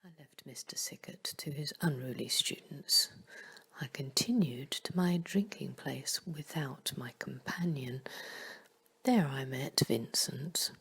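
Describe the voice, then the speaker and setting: A woman telling a first-person period story in a soft, often half-whispered voice. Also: extremely low pitch, slow, gravelly, slightly rough.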